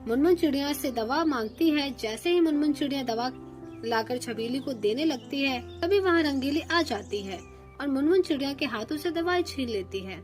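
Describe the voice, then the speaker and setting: High-voiced woman narrating a cartoon story. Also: normal speed, faint music behind. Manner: steady storytelling.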